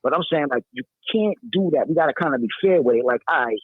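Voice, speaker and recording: A young man from Brooklyn, a college athlete calling in, talking in quick, casual slang. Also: fairly high pitch, expressive, slightly rough, no echo. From Brooklyn, New York. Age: young adult. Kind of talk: phone-in call defending his comments. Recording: tinny phone line.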